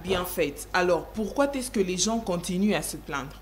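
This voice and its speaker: A woman's voice: on the low side, lively intonation, moderate pace. A woman interviewing a political guest on television, pressing him with challenging questions.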